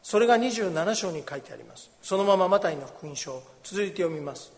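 A man, a pastor, giving a sermon with Bible reading, explaining gently in a conversational way in a church. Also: sits high, expressive, brisk. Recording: long reverb of a large hall.

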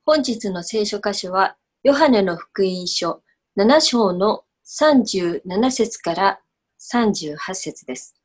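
Female service leader reading scripture, formal and measured, polite register. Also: medium pitch, lively intonation.

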